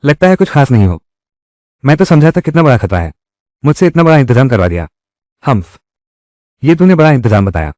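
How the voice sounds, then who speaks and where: A man's voice: mid-range voice, sing-song, brisk, long pauses, darkish tone, no room sound, clean studio sound, natural voice. A man dubbing a menacing tough guy. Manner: threatening, confrontational delivery. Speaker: dubbing voice actor. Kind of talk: Hindi dub of a live-action drama.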